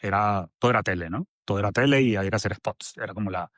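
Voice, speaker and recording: A Venezuelan man in his forties, guesting on a casual interview as an agency director, speaks with a lowish, slightly bright voice at a fast clip. He rambles, packing his talk with fillers and restarts. The recording is dry and clean, like a studio.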